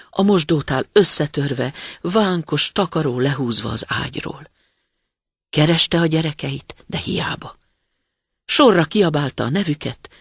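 An expressive storyteller reading a fairy tale aloud with dramatic rises and hushed moments. The voice is husky and gravelly with a lively melody, and the recording is dry and close. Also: medium pitch, no echo. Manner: dramatic, drops to a whisper at tense moments.

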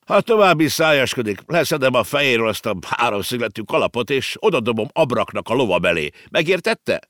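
A gruff old uncle, put on by a man scolds and grumbles bluntly in a storybook reading. The voice rises above the narrator's deep register and moves lively. The recording is close and dry. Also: no room sound. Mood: scolding.

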